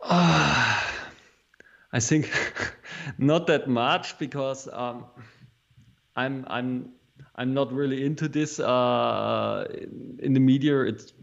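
A man's voice: medium pitch, slow pace, vocal fry. A man in his thirties with a German accent, a guest chatting casually in English as his second language, hesitant and repeating words with small chuckles. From East Germany. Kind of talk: casual conversation. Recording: dull lo-fi audio.

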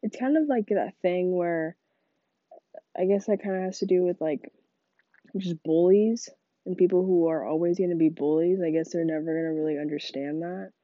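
A young woman podcast host, congested from a cold, rambles through a casual monologue packed with "like" fillers. Her stuffy voice sits on the low side with a dark tone at normal speed, in a muffled recording with no room sound.

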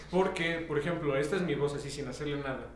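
A man's voice: a little high, moderate pace, slight background noise. A young man with a Mexican accent chatting casually with friends, joking and swearing, with many fillers. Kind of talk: casual chat among friends. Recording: roomy echo.

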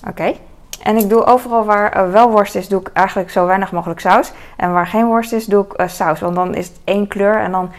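A woman's voice: medium pitch, steady tone, a little fast. A woman chatting casually while cooking in her home kitchen, rambling and self-mocking with lots of fillers. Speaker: home cook vlogger. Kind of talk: casual cooking vlog chat. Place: home kitchen with sizzling pan. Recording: noisy home kitchen recording. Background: frying and sizzling sounds.

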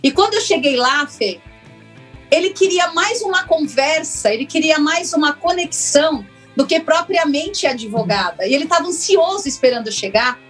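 A woman, a former lawyer now working as a therapist, telling her personal story in an interview in a reflective, earnest way with many pauses. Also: high voice, expressive, a bit bright, faint music behind. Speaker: interview guest, former lawyer turned systemic constellation therapist.

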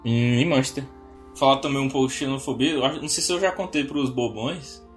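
Animated man telling stories casually. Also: mid-range voice, fast talker, faint music behind. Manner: animated, acts out quoted dialogue. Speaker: podcast co-host. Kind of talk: casual storytelling chat.

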